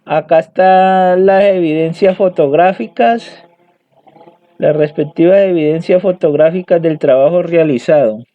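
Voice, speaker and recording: A man's voice: fairly high pitch, a little slow. A young man presenting homework, hesitantly reading out calculation results and often restarting his words. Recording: dry tinny phone-like audio.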